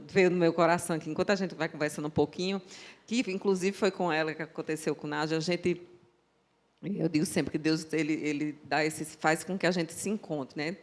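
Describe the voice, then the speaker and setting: A woman with a fairly low voice tells a story on a panel. She keeps stopping to restart and repeat herself, and her energy builds as she goes. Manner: animated, with repetitions. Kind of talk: anecdotal storytelling in a panel talk.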